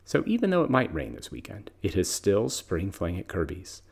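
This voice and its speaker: A man's voice: low voice, wildly swooping pitch, normal speed, creaky, slightly rough. A middle-aged man who owns a garden center, reading a reflective personal essay in a storytelling manner. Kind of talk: scripted personal essay narration.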